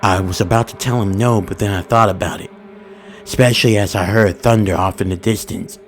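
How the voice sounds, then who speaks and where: A man narrating a first-person horror story in a steady, ominous storytelling manner with informal grammar. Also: fairly low pitch, fairly quick, a little hiss or hum.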